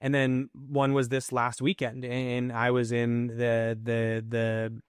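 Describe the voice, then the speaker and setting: A man's voice: medium pitch, slow, clear, resonant tone, no echo. Male podcast co-host, thirties, candid storyteller, dry close mic. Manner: candid, animated storytelling with mimicked inner voices. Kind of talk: casual podcast conversation.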